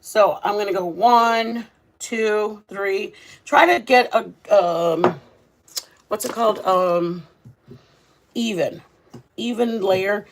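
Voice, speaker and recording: A woman speaks in a mid-range voice, taking her time and pausing often, with background noise present. She's hosting a cooking vlog from her home kitchen, talking informally to camera and referring to her audience as "guys."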